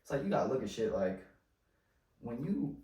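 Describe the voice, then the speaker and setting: A man's voice: mid-range voice, big pitch swings, moderate pace, warm tone. A man talking in a loose, rambling casual chat, heavy on slang and filler, often trailing off and restarting. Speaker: podcast host. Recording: roomy sound, mic at a distance, faint noise.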